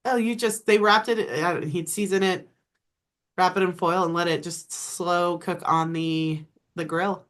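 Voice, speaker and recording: A woman's voice: on the low side, steady tone, measured pace. A woman podcast guest chatting casually about a family tradition. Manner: chatty with restarts. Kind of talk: casual panel chat.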